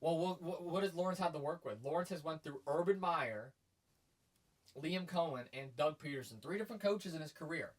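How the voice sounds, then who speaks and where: A man with a fairly high voice and a brisk delivery co-hosts a casual sports podcast. Making his case, he gets energetic and emphatic, loud and hyped up.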